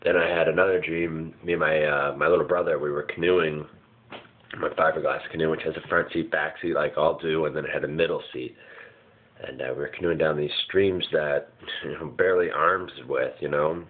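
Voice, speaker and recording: A man's voice: extremely low pitch, fairly even intonation, brisk. A man casually recounting his dreams in a hazy, puzzled way, vague and often searching for words. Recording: muffled phone-like lo-fi sound.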